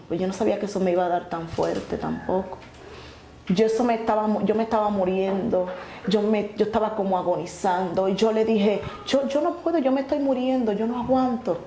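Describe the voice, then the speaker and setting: A woman telling her testimony earnestly, halting and restarting often. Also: mid-range voice, warm tone. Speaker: guest sharing her testimony. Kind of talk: emotional personal testimony. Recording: echoey room with faint noise.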